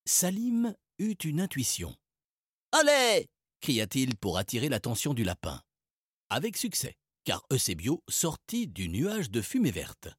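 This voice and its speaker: Husky male narrator for a children's storybook; animated, expressive delivery, dry recording. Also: mid-range voice, a little slow, no room sound. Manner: lively, expressive reading. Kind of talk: storybook reading.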